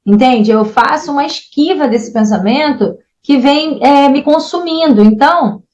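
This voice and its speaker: Woman, psychologist guest, very high voice, measured advice, explanatory interview. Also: a little mellow, dull audio. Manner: measured, advising, checks in with "entende?" and "tá?".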